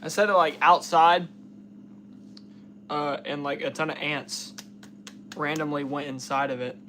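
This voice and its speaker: A man hosting a casual outdoors livestream, talking excitedly and rambling with many fillers while he has the hiccups. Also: fairly high pitch, a little slow, noisy background. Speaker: outdoors channel host.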